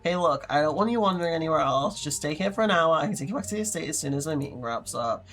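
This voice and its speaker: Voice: mid-range voice, animated, quick pace, a bit bright, faint music behind. A curt, haughty mine boss who talks down to everyone and brushes off every question, as a streamer puts her on. She scolds and deflects in a middling voice, reading lines from a story game. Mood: scolding. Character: haughty woman mine owner, curt and defensive. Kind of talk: voicing a character in a game playthrough.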